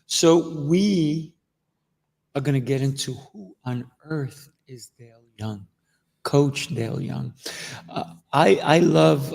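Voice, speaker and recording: A man hosts a podcast interview in a gravelly voice that rings with long reverb. He sounds enthusiastic and affirming, and he often trips over the first sounds of his words. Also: medium pitch, darkish tone. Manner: enthusiastic, affirming, stumbles on word starts. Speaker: podcast host, coach.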